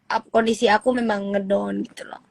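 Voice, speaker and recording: A woman's voice: mid-range voice, flat delivery, a little fast, vocal fry, background noise. Young woman hosting a chatty phone live stream. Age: 20s. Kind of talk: casual live-stream chat. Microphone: phone on a live video stream.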